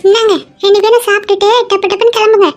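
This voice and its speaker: A performer voicing a quick-tempered mother who scolds her children and hurries them off to school. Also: very high-pitched, level tone, soft background music. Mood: harried. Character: scolding, harried village mother of two. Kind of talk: Tamil cartoon comedy dialogue.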